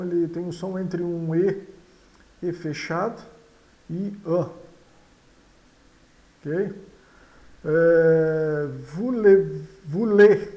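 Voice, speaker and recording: A man teaching French pronunciation, halting and full of fillers. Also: a little high, mellow. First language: Portuguese. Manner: slow, halting, many fillers and repetitions. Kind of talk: explaining pronunciation rules.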